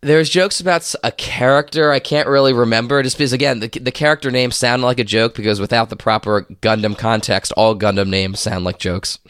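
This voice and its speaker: A man's voice: medium pitch, fairly even intonation, a little fast, few pauses, fairly bright tone, clean tone, no echo, studio quality. A man with a congested, nasal voice, slightly under the weather, hosting a casual podcast. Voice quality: stuffy-nosed, nasal. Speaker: podcast host. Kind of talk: casual podcast chat and episode recap.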